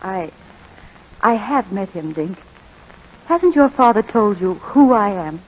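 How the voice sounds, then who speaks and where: Taking her lines slowly, a woman with a medium-pitched, darkish voice and lively intonation plays a tender, anguished mother pleading with the son she's estranged from. It's a muffled old recording of a 1940s radio drama, and her tone is tender and hesitant.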